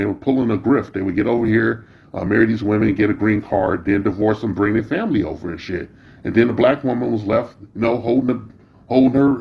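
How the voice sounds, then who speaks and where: A man's voice: lowish voice, gravelly. A middle-aged or older man giving an informal, rambling opinion rant, blunt, profane and slangy, with a scornful, confrontational edge. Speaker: social media commentator. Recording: dull, muffled lo-fi sound.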